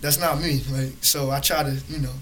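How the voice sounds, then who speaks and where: A man's voice: mid-range voice, steady tone, normal speed, fairly bright tone, slight background noise, poor audio. A young man co-hosting a podcast in casual, slangy bro talk, peppered with "bro" and "like". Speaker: podcast co-host. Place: studio.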